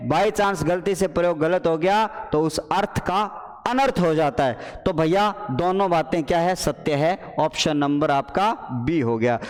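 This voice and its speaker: Guy teaching hindi exam prep, highish clear voice, big echoey hall sound. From Rajasthan. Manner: animated, playful, addresses students as children and brothers. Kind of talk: live online exam paper solution class.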